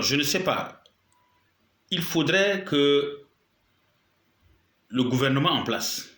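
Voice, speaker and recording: A political commentator with a cold and a sore throat gives an indignant video statement, restating his points for emphasis. His mid-range voice has a sharp tone, and the recording is reverberant.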